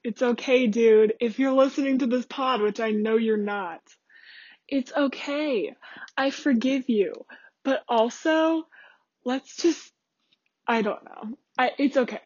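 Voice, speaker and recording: A woman's voice: high-pitched, slow, a little mellow, no echo. Chatty young woman rambling a story. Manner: chatty and rambling, many fillers and restarts. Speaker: podcast host. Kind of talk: casual solo storytelling. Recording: dull lo-fi dry recording.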